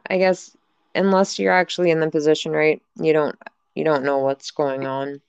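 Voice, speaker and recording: A woman's voice: low voice, flat delivery, moderate pace, creaky, clear, resonant tone, no room sound, muffled recording. A young woman hosting a casual podcast, frank and jokey, swearing freely as she talks. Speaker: podcast host.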